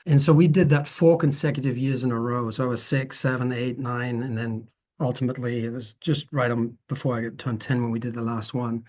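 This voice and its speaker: In a casual, conversational interview, a Dutch man in his fifties who works as a photographer talks at length as the guest. Medium in pitch and fairly quick, he muses and rambles, often restarting what he says.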